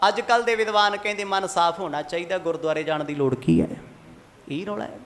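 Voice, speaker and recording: A high-pitched man preaching a Sikh katha sermon to a congregation. He is from Mohali in Punjab. He keeps putting pointed questions to his listeners and slips into the voices of the people he quotes. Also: quick pace, fairly bright tone. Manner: asks the congregation rhetorical questions and acts out quoted speech.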